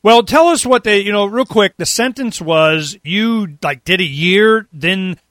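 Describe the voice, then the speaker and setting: A man hosting an interview in a casual, opinionated way, animated and given to acting things out. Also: high voice, unhurried, dry recording, studio quality. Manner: animated, acts out imagined quotes. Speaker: interview host.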